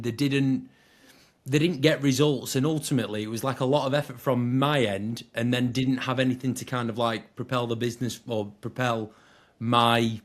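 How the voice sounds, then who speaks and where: A man, a personal trainer guesting on a podcast, telling stories in a relaxed, casual way with lots of fillers. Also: mid-range voice. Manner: storytelling, relaxed, hedges with "like".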